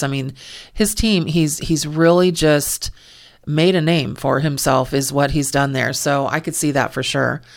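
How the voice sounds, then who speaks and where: A woman's voice: low-pitched, clean tone. A woman hosting a sports talk show, giving opinionated, exasperated football commentary with sarcastic asides. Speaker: sports podcast host. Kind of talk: casual football commentary monologue. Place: lives in California.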